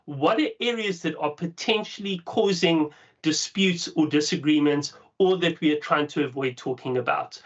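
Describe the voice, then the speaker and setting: A man's voice: fairly high pitch, fairly bright tone. A man with a South African accent giving a casual, explanatory webinar presentation over a video call. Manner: casual, explanatory, with frequent ums. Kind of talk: webinar presentation with screen share. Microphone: video call mic. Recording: dull lo-fi video call audio.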